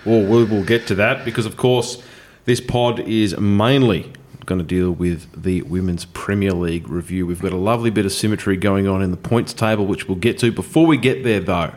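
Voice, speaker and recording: A man's voice: deep voice, steady tone, moderate pace, few pauses, a little mellow. A man with an Australian accent hosting a casual podcast, bantering and rambling in a jokey way. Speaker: podcast host. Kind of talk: casual chat.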